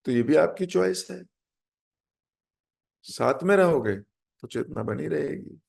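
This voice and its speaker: Man with a gravelly voice, kinda high, explaining spiritual stuff calmly to a class. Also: slow pace. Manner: patient, explaining, answers questions. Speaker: spiritual teacher. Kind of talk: devotional class with questions.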